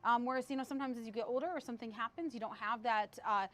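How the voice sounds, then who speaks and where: A woman's voice: fairly high pitch, fairly even intonation, rapid-fire, fairly bright tone. A woman hosting a local TV show, chatting casually and rambling, with frequent laughs. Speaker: TV show host previewing segments. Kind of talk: casual on-air chat.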